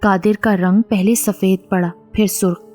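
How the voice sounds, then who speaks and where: A woman storyteller giving a steady, dramatic scripted reading of a horror story. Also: mid-range voice, normal speed, soft background music.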